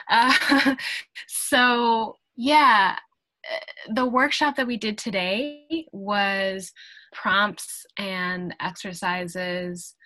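Bright-voiced woman, thoughtful and halting. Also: medium pitch, no room sound, low-quality recording. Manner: thoughtful, halting, with frequent fillers and laughs. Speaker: guest artist, playwright. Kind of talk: casual interview conversation.

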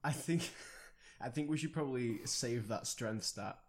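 A man's voice: medium pitch, unhurried. A man co-hosting a casual tabletop podcast, laughing often and swearing casually. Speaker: podcast co-host. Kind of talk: casual tabletop character-building chat.

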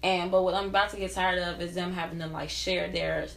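A woman's voice: lowish voice, little pitch movement, a little fast, gravelly, a bit bright, reverberant, poor audio. A woman guesting on a podcast, talking in a laid-back, dismissive, profane way. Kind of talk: casual podcast chat.

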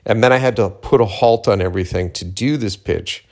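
A man from Cape Cod with a lowish, very creaky voice talks off the cuff about his days. He rambles casually and candidly, swearing freely and dropping in slangy asides. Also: fairly quick, darkish tone. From Cape Cod, Massachusetts, USA. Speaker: filmmaker hosting a personal audio journal.

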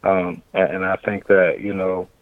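A man calling in to a casual chat over a muffled remote line that breaks up, talking in a halting way and searching for words. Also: low-pitched, flat delivery, no room sound. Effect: muffled remote call line, audio breaking up. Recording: dull lo-fi dry call audio.

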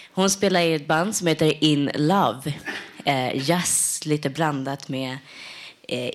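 A woman with a low, deep voice gives a short radio announcement about an event. She talks a bit hesitantly and fills her pauses. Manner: hesitant, with fillers.

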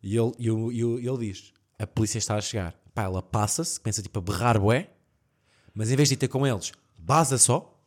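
A man's voice: on the low side, brisk. A man with a European Portuguese accent, casually telling creepy stories on a podcast and acting out the voices in the story. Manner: animated, acts out voices in shouts, laughs often.

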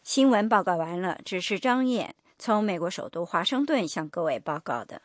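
A woman reading the radio news in an even, formal delivery. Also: on the low side, normal speed, loud music behind the voice. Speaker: newsreader.

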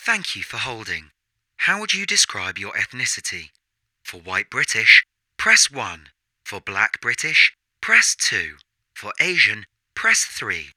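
A man voicing a smug automated phone menu for a comedy sketch, sounding flat and patronizing. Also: lowish voice, slow pace, no room sound, full character voice. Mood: mock polite.

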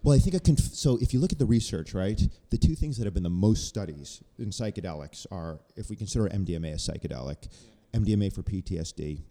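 Low voiced guy going on about research, warmish, reverby room. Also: expressive, fast, few pauses. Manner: earnest, explains research at length. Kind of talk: casual chat.

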